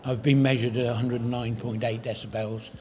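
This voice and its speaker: Older male town crier from the Cotswolds, medium pitch, relaxed interview chat rather than crying. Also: fairly quick. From Cotswolds, England. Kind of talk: casual outdoor interview.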